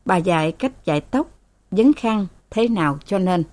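A woman narrating a story in a steady storytelling manner, voicing its characters. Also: medium pitch, moderate pace, dry recording.

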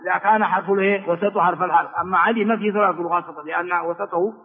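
An older man, an Islamic scholar, teaching Arabic grammar in a lecture and slowly repeating each word form. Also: high-pitched, fairly even intonation. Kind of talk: classroom lecture on word forms. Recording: tinny phone-like lecture recording with long hall echo.

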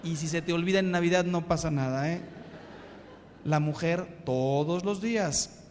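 A middle-aged Mexican man, a priest, giving a humorous sermon with lively, punchy storytelling in a hall. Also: a little high, normal speed, slight background noise. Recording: long hall reverb.

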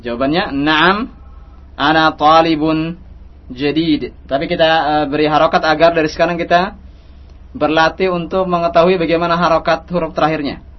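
A man teaching an Arabic grammar lesson who reads practice dialogue slowly and repeats each line. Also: fairly high pitch, fairly even intonation. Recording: dull lo-fi recording.

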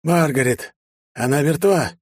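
A dying old former boss speaks in weak, halting, gasping phrases, solemn and pleading, his voice raised noticeably higher, as a man puts him on for an audiobook. The recording is dry and close. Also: a little mellow, no echo.

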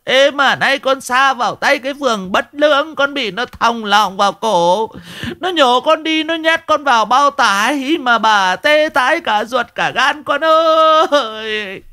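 A man voicing a foul-mouthed old village woman who hurls rapid-fire curses and drawn-out wailing laments. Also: extremely high pitch, expressive, sharp tone, voice pushed up, exaggerated voice.

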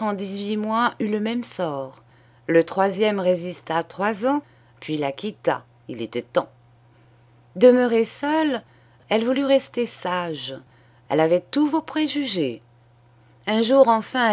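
A woman reading a short story aloud in a measured, deliberate audiobook style. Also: mid-range voice, darkish tone. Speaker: reader.

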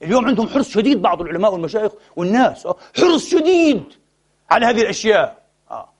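Guy preaching a heated sermon, high voice, talks fast, sad and frustrated, calls everyone brothers. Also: sing-song, husky. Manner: impassioned, addresses listeners as brothers, swings between soft and loud. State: saddened and frustrated. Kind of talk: Friday sermon.

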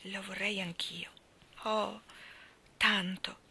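Lady reading as a sick gentle girl of nineteen, soft breathy half-whisper, bright tone. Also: medium pitch, fairly even intonation, slow pace, exaggerated voice. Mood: gentle, resigned. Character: frail gentle young woman, ill and resigned.

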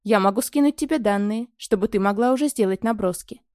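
A woman reading the lines of a confident, brusque young man in an audiobook, in a steady, matter-of-fact way. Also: medium pitch, a little fast, no echo, studio quality, natural voice.

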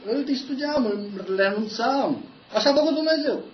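Lively man preaching in an echoey hall. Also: very high voice, slight background noise. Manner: animated storytelling, self-mocking. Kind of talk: sermon. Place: church meeting room. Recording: echoey church hall, dull lo-fi sound.

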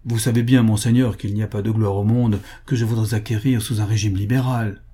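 A man's voice: lowish voice, fairly even intonation, fairly quick, mellow, breathy edge. A man reading the part of a bold, cheerful young duke in an audiobook, with a confident, jovial delivery.

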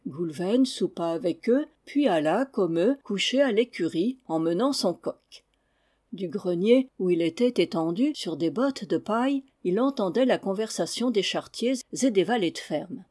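A woman reading a folk tale aloud in a measured, expressive storytelling manner. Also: mid-range voice.

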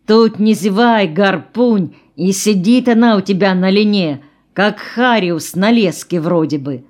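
A woman voicing an eager, talkative old fisherman in an audiobook, rambling with lively energy. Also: medium pitch, a little slow, close to an everyday voice.

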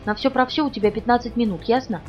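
A woman's voice: a little high, quick pace, voice pushed up, lightly acted. A woman reading an audiobook, voicing a tense young man who protects and commands with clipped, insistent orders. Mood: urgent. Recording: dull distant audio with music behind.

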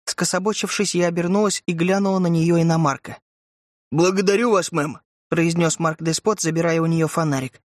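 Dramatic high-voiced male narrator. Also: flat delivery, a little fast, hardly any pauses, no echo, clean studio sound. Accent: Russian. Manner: tense, dramatic reading. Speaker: audiobook narrator. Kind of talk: scripted narration.

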